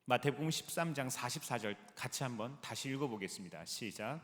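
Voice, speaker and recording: A male pastor preaching a sermon, with lively delivery and rhetorical questions put to the congregation. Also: mid-range voice, brisk. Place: large church sanctuary. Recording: long reverb of a large sanctuary.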